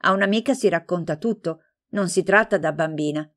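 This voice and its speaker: A woman voicing a gentle, lonely young woman who answers softly and patiently in a storybook reading. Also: on the low side, a little fast, close to an everyday voice.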